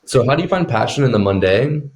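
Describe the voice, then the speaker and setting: A man's voice: medium pitch, expressive, fast. A man who is a podcast guest, speaking casually and thoughtfully and asking searching questions about work and growth. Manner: reflective, asks searching questions. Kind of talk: casual interview chat.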